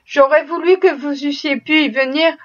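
A woman reading the part of a kind, grieving father who speaks gently. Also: sits high, steady tone, moderate pace, lo-fi sound, close to an everyday voice. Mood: gentle sorrow.

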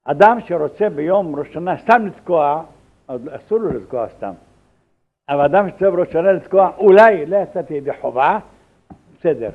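Old rabbi on a tinny line. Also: male voice, a little high, animated. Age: older. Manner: halting, repeats words, acts out quoted dialogue. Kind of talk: religious law lesson with anecdotes. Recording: tinny phone-like lo-fi recording.

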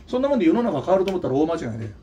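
A man from Nagano, Japan, delivers a blunt, scolding opinion monologue with a fairly high voice that swings widely in pitch. He sits back from the mic, with a faint hiss of noise behind him. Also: big pitch swings, racing, dark tone, far from the mic, highs cut off. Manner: blunt and scolding, with mocking asides. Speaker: channel host and drummer.

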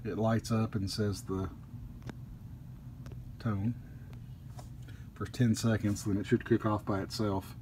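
A man casually reviewing a collectible statue at a table indoors, easygoing, with frequent pauses. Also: on the low side, level tone, darkish tone, slight background noise.

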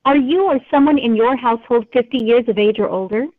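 A woman's prerecorded automated phone menu message, polite and even, reading scripted prompts. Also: on the high side, fairly quick, no room sound. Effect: recorded automated phone menu message. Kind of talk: scripted recorded announcement. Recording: tinny phone line.

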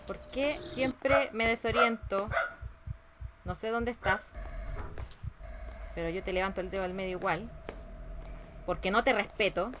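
A woman's voice: mid-range voice, measured pace, long pauses, noisy background. A young woman giving casual gameplay commentary, sassy and talking back to the game. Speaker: gameplay streamer.

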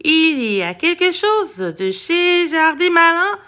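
A woman's voice: extremely high pitch, big pitch swings, takes it slowly, pushed and bright, heavily acted. A woman doing a naive little storybook goldfish. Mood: curious.

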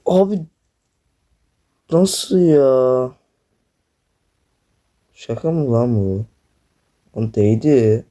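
A young man commenting on his own gameplay, groaning, swearing and complaining loudly as he plays. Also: mid-range voice, animated, drawn-out words, pauses often. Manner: frustrated, swearing, groaning, yelping. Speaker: gaming YouTuber.

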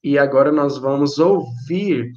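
A man's voice: mid-range voice, a little slow, darkish tone, lo-fi sound. A man from Brazil teaching English to children in an online class, patiently repeating and explaining.

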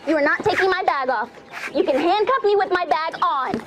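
Brief: young woman, very high voice that swings wildly, yelling and cursing in a noisy phone clip. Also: animated, brisk. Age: young adult. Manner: shouting, swearing, defiant. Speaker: woman being arrested. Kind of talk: filmed confrontation with police.

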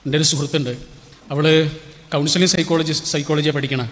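A man's voice: on the high side, steady tone, fast, fairly bright tone. Storytelling man speaking in a reverberant hall. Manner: storytelling, rhetorical questions to the audience. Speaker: motivational speaker. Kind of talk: inspirational public speech.

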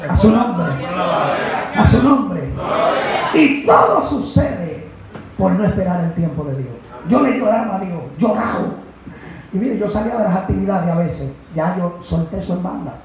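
A man preaching a sermon with a Dominican accent, impassioned, moving between hushed asides and shouted emphasis. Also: high voice, expressive, a little slow, a faint crowd, slight background noise. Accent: Dominican Spanish. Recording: echoey hall with music behind. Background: music.

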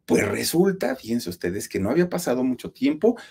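A husky-voiced man with a Mexican accent narrates a scary true-life tale. His pitch leaps and falls expressively, and he keeps turning to address his audience to heighten the suspense. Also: sing-song, a little fast, darkish tone. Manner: talks straight to listeners, suspenseful. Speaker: horror storyteller, channel host. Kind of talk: dramatic spoken storytelling.

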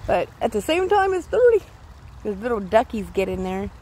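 A woman's voice: mid-range voice, very animated, moderate pace, mellow, low-quality recording. A woman chatting casually in a rambling way as she films a walk through a park on her phone. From California. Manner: chatty, rambling, coos at animals. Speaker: vlogger. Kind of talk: casual walking vlog. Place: outdoors in a park by a creek. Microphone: phone held while filming. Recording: faint outdoor background noise.

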